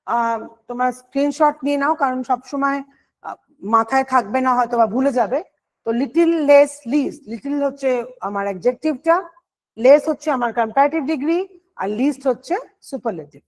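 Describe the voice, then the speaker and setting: Woman, high-pitched, patient exam-prep teacher who explains step by step. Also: fairly quick, a little mellow. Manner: explains step by step, asks and answers her own questions. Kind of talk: online exam-prep grammar lesson.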